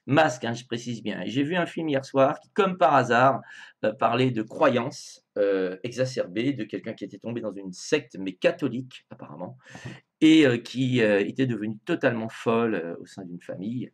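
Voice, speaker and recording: A man's voice: medium pitch, normal speed. Hesitant man commenting, full of fillers. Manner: hesitant, many filler sounds and restarts; animated, indignant asides. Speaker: video host commenting on song lyrics. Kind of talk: casual spoken commentary.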